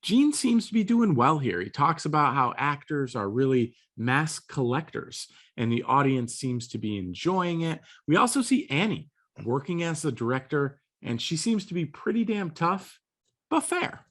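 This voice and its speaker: A man's voice: a little high, big pitch swings, moderate pace, a bit bright. A man co-hosting a review podcast in a laid-back, slangy way, often repeating words. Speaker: podcast co-host. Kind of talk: casual review chat.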